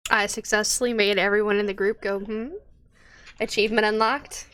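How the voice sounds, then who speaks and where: A woman's voice: medium pitch, flat delivery, fast, a bit bright, clear, resonant tone, dry recording. A woman narrating as game master of a tabletop game on a livestream, playful and drawn out.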